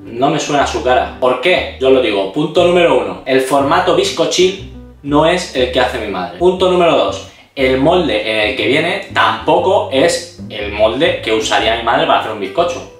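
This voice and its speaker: A man's voice: medium pitch, normal speed. Guy hamming up a story, echoey room, background music, mic a bit far. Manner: animated, exaggerated storyteller. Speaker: cooking channel host. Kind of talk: casual storytelling to camera. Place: home kitchen.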